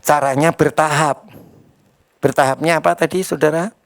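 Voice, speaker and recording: A man preaching a sermon as pastor, quizzing the congregation and swinging between loud emphatic lines and quiet asides. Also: fairly high pitch, steady tone, normal speed, vocal fry, no echo, clean studio sound. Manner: asks the congregation questions, addressing them as brothers and sisters.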